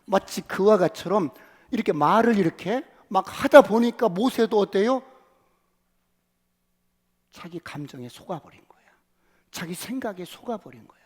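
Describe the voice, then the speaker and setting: A male pastor preaching a sermon, telling the story vividly, sometimes shouting the crowd's cries and whispering inner thoughts. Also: high voice, lively intonation, moderate pace, long pauses, in a large hall.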